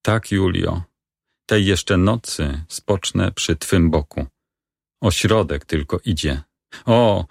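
A man reading the part of a young male lover in grim despair in a stage play, with slow, solemn delivery. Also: deep voice, gravelly, no room sound, studio quality, heavily acted. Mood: brooding. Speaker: reader of a play.

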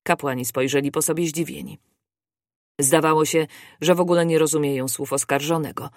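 An audiobook narrator reading a classic novel in a steady, measured storytelling voice. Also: mid-range voice, no room sound, studio quality. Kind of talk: scripted narration.

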